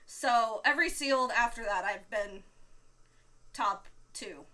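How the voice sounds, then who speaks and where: Woman, podcast co-host, high voice, animated storyteller, curses, laughs a lot. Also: a little slow. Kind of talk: casual chat.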